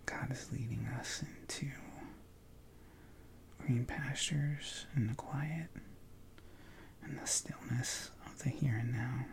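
A man leading a guided contemplative prayer session, talking softly in a hushed whisper with long pauses and relaxed, informal asides. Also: medium pitch, gravelly. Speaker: prayer leader.

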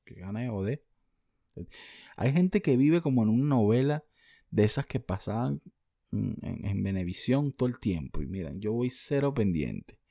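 Profane Venezuelan man, gravelly. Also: on the low side, very animated, normal speed, warm tone, dry recording, studio quality. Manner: blunt, profane, ranting. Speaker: vlogger. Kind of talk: casual monologue answering viewer comments.

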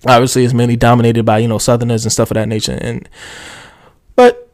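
A man talks through motorsport news on his own podcast at a studio mic. He rambles in a relaxed way, with plenty of "you know what I'm saying" and little jokes at his own expense. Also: mid-range voice, fast talker. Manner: jokey, self-amused asides. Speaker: podcast host. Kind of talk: casual solo podcast commentary on motorsport.

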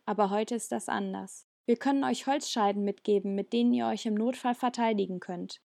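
A woman's voice: mid-range voice, brisk, gravelly, dark tone, no echo, natural voice. A woman voicing a grave alien elder woman explaining a danger in a storybook reading.

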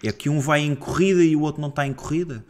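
A man's voice: on the high side, rapid-fire. Exasperated Portuguese man dissecting refereeing. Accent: European Portuguese. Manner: animated, gets heated and exasperated, many restarts. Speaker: co-host of a football club podcast. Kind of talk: casual football analysis chat.

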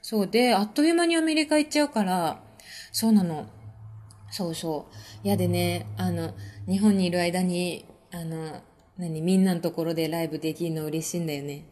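A podcast host and musician chats casually with listeners on a live stream, relaxed and talkative, laughing often and using many fillers as she reads and answers viewer comments. Her voice is on the low side, at a normal pace.

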